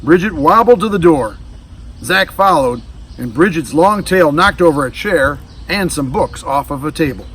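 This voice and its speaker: Reading a children's storybook aloud, a man adds casual asides for his young listeners. His fairly high voice is expressive, a bit bright and husky, moving at normal speed, and he sounds far from the mic.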